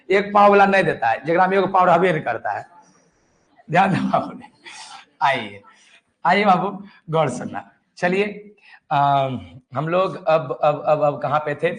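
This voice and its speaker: A male chemistry tutor, lecturing a class, repeating himself and urging students to write, with joking dialect asides. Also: mid-range voice. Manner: coaxing and repetitive, keeps urging students to write; banters and jokes with the class in dialect. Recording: echoey classroom.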